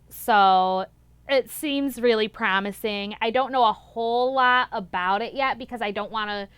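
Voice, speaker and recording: Gushing over books, a young vlog host and book reviewer chats casually and eagerly, repeating words to stress them. Her voice is a little high, fairly bright, and smooth, and there is no room sound.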